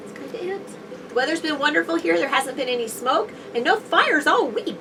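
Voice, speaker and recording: A woman's voice: high-pitched, expressive, fairly quick. Woman, upbeat RV vlog co-host, stuffy scratchy voice, picked up by a distant mic over background noise. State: stuffy, scratchy throat from allergies. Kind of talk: casual chat. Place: inside an RV.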